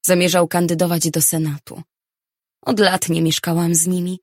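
A woman reads a novel aloud in the first person, with a measured, even delivery. Her voice sits low for a woman. The recording is dry and close, with no reverb at all. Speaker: audiobook narrator. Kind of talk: first-person audiobook narration.

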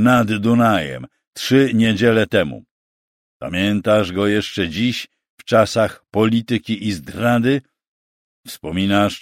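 A man's voice: lowish voice, no room sound. A bold young knight with a raised, ringing voice, as a male narrator acts him out. He calls out defiantly and with force. The sound is dry and close. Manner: calling out loudly, challenging.

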